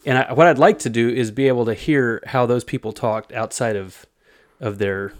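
Relaxed halting man chatting casually. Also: medium pitch. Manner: relaxed, halting, many fillers and restarts. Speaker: host presenting research. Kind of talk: casual group chat.

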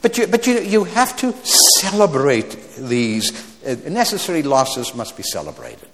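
A man in his seventies preaching a sermon, swinging from loud exclamations to quiet asides, with stammered restarts and wry humorous remarks. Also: on the high side, sing-song, unhurried, in a large hall, slight background noise. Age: 70s.

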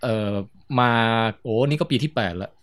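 A man chatting casually on a podcast, playful and joking. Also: medium pitch. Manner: playful, joking, fast-talking. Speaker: podcast guest.

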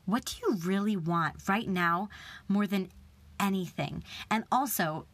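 A young woman giving an earnest, animated motivational talk, sometimes dropping to a whisper for emphasis. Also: medium pitch, a little slow, no room sound. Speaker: motivational speaker.

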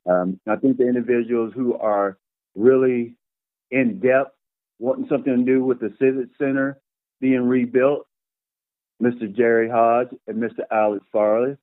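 A man, a city council candidate answering interview questions in a halting, plainspoken way with repeated words. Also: mid-range voice, dry recording. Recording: tinny phone line.

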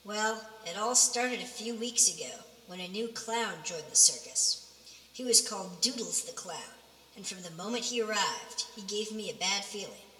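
A woman playing an uneasy veteran circus clown in an audio drama, confiding suspicions in a hushed, earnest way. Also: medium pitch, lightly acted. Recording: echoey, far from mic, music behind.

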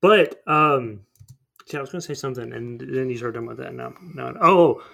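A man's voice: medium pitch, a little fast, vocal fry, fairly bright tone. A man chatting casually about a movie, rambling and thinking aloud with lots of fillers.

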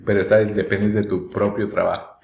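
A man's voice: on the low side, little pitch movement, fairly quick, creaky, a little mellow, a little hiss or hum. A young man with a Mexican accent talking casually with friends, full of slang and swearing. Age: young adult. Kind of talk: casual chat among friends. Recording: echoey room.

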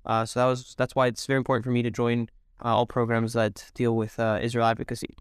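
A man's voice: mid-range voice, completely flat delivery, fast, clean tone, no echo, studio quality. A young man raised in Toronto answering interview questions earnestly, with many fillers. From Mexico, raised in Toronto. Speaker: guest, army reservist.

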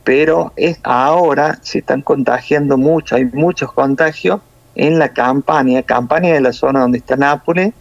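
A male nurse from Córdoba, speaking with a Cordoban Argentine Spanish accent, explains things in a measured way with many hesitations during a phone interview. His voice is medium in pitch, and the recording is dry and lo-fi.

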